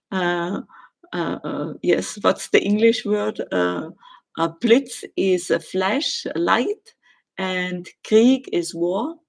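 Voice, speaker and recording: A middle-aged woman with a German accent, answering viewer questions in a live chat and pausing often with ums and uhs. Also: medium pitch, creaky. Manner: hesitant, many ums and uhs, gentle.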